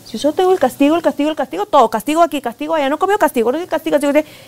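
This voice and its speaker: Animated high-voiced woman. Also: rapid-fire. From Guatemala. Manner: animated, acts out parents and children in quoted voices. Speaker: positive discipline expert guest. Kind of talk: conversational interview.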